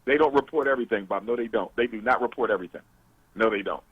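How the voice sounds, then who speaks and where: A man's voice: fairly low pitch, quick pace, slightly rough, dry recording, narrow, tinny audio. A man calling in as a guest to a radio talk show, lecturing emphatically over a call-in line.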